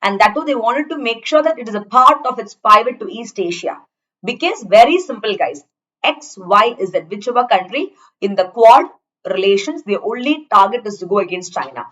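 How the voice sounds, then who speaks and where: Higher-voiced Indian woman teaching a class. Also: animated, moderate pace, a bit bright, muffled recording. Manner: chatty, explanatory, often checking understanding with short questions. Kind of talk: conversational online exam lecture.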